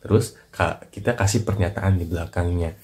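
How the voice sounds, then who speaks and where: A man teaching in a casual, chatty way, trailing off softly at the ends of his lines. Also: low voice, normal speed. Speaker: Japanese language teacher. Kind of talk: casual lesson in short clips. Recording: noisy recording with clicks.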